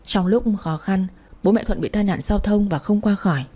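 A woman narrating a story in an even, steady read-aloud manner. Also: mid-range voice, moderate pace, breathy edge.

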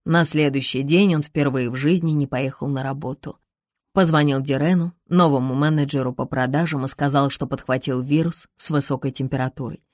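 An audiobook narrator reading a novel in an even, steady storytelling manner. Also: medium pitch, brisk, no echo, studio quality.

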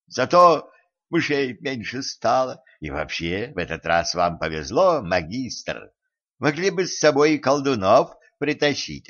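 A man voicing a calm male magister with a wry, smirking manner. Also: mid-range voice. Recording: muffled lo-fi recording.

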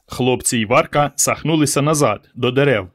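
A man narrating a story in a steady, scripted audiobook reading. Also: mid-range voice, normal speed.

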